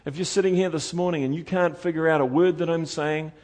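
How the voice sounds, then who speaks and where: A man from New Zealand delivers a fast sermon in his local accent, his voice a little high and his tone steady. His preaching is earnest and pleading, building to loud urgency and dropping into quiet intensity.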